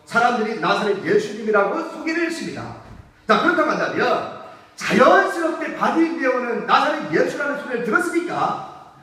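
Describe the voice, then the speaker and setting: Male pastor with a high, animated delivery; keeps asking his congregation questions; heard from a distance in a very reverberant church. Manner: emphatic preaching with rhetorical questions to the congregation. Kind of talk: sermon. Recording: echoey church hall from far off.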